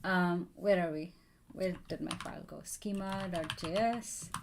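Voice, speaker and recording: A woman's voice: on the low side, a little slow, noisy background. A woman live-streaming a coding session, thinking aloud and chatting with viewers as she works.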